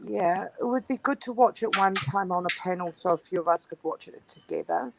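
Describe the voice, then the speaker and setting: A woman's voice: fairly low pitch, animated, brisk, vocal fry, noisy background. A woman from New in a casual group chat, earnest and a bit hesitant. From New Zealand. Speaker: chat participant.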